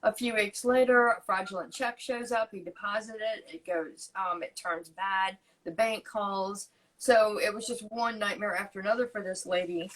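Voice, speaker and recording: An American woman co-hosting a live chat, earnest and sympathetic, halting with fillers as she reads a message aloud. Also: mid-range voice, steady tone, distant mic, low-quality recording. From United States. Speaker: co-host.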